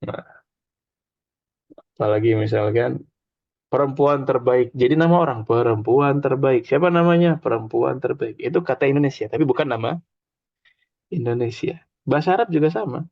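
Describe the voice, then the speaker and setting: A man's voice: mid-range voice, moderate pace, pauses often, no room sound. A man teaching an informal Arabic class, chatty, explaining with examples and having students repeat after him. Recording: dull lo-fi dry recording.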